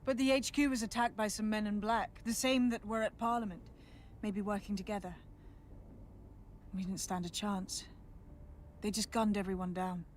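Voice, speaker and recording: A woman's voice: medium pitch, fairly even intonation, very slow, a little hiss or hum. An actress playing a weary, determined female resistance leader in a video game, earnest and urgent.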